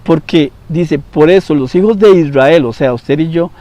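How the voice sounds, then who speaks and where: A man in his fifties teaching a devotional Bible lesson, animated, jumping between loud emphasis and quiet asides. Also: fairly high pitch, moderate pace. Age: 50s. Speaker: preacher.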